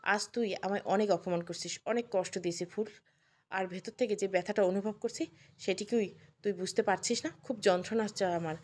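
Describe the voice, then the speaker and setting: A woman's voice: medium pitch, fairly even intonation, a little fast, a little mellow, lightly acted. A woman voicing a troubled young husband who pleads and insists stubbornly in a Bengali audio story. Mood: hurt. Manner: intense, pleading.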